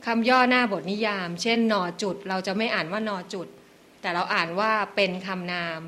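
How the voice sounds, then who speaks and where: A woman's voice: medium pitch, brisk, fairly bright tone. A woman lecturer at a meeting, carefully and politely explaining reading rules step by step. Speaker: invited lecturer.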